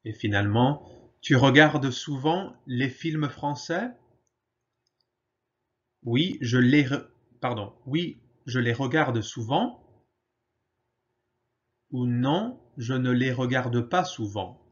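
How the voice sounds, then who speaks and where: A man teaching French grammar in a slow, patient way, pausing often and switching to English to explain. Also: medium pitch, animated, highs cut off. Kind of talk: grammar lesson.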